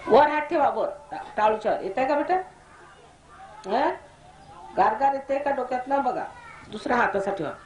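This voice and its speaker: A woman's voice: fairly high pitch, animated, normal speed, long pauses, background noise. Stern woman guiding a meditation, echoey. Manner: commanding, scolding. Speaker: spiritual teacher. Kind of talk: guided meditation instructions to a crowd. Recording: echoey hall recording.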